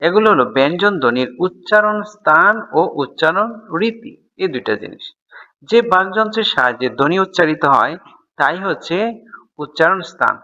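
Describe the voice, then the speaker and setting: A man's voice: on the high side, expressive, normal speed, bright, forceful tone, dull audio. A man teaching a school grammar lesson, explaining step by step and answering his own questions.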